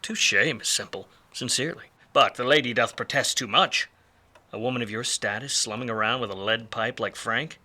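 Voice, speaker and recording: A male actor plays a jaded, hard-drinking, wisecracking 1940s private eye in a film noir radio play, his mid-range voice bright and forceful at normal speed. The delivery is slangy, sardonic, and needling.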